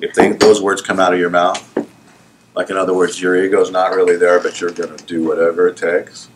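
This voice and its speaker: Lively low-voiced middle-aged man telling stories. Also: fairly quick, background noise. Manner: animated, laughing, often asks "you know what I'm saying". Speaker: salon owner and hairdresser. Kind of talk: storytelling in a casual interview.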